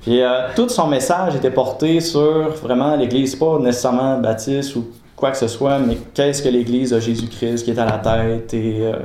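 A man with a Quebec French accent telling a personal story casually, animated, often laughing and acting out conversations. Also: mid-range voice, moderate pace, hardly any pauses. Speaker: guest giving a testimony. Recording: roomy with faint ambience.

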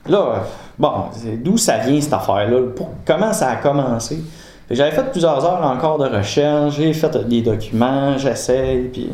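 A man with a Quebec French accent telling a personal story casually, animated, often laughing and acting out conversations. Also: medium pitch, normal speed. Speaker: guest giving a testimony. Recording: roomy with faint ambience.

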